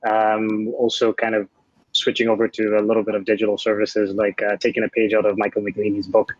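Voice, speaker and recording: A man with a lowish voice introduces himself in a relaxed, easygoing way during an online panel. The sound is dry and a bit dull, as if picked up by a basic mic on a video call. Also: brisk, no room sound. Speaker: panelist, sourcing company CEO.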